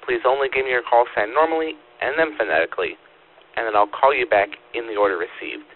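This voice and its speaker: A man's voice: medium pitch, fast. A man speaking over two-way radio as a net controller, in a formal, procedural check-in style, repeating details back. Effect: two-way radio transmission. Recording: phone-like radio static and hum. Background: radio static and hum.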